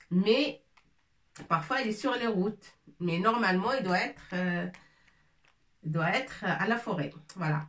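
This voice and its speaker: A woman gives a slow, patient lesson, saying words again and again and breaking them into sounds. Her voice is mid-pitched and comes from a little off the mic. The room around her is echoey. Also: recorded from a distance. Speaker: Arabic teacher.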